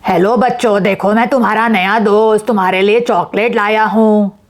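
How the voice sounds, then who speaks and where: A woman voicing a sneaky male kidnapper in a doll storybook video, coaxing and hurried. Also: medium pitch, fairly even intonation, voice pushed down, lightly acted. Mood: sly.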